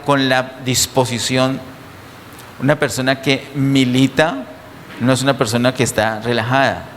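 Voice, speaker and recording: A man's voice: mid-range voice, fairly bright tone, slight background noise. A man preaching a sermon to his congregation, emphatic and full of rhetorical questions, in a church. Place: church hall. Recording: distant sound with long hall reverb.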